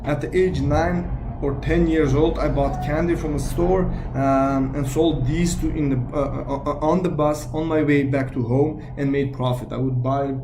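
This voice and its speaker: A young Belgian man, a native Dutch and French speaker with a Belgian Dutch accent, introduces his YouTube sales channel in English, sounding earnest and hesitant with many fillers and restarts. His voice is on the high side with fairly even intonation, a little slow and with few pauses. Background noise is audible.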